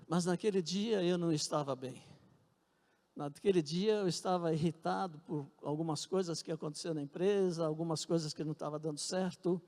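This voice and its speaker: A Brazilian man preaches in a church sanctuary, earnest and fond of repeating himself as he tells his testimony. His voice sits fairly high yet sounds mellow and soft-edged. A long, lingering church reverb trails after his words. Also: fairly quick. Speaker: pastor. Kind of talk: sermon with personal testimony.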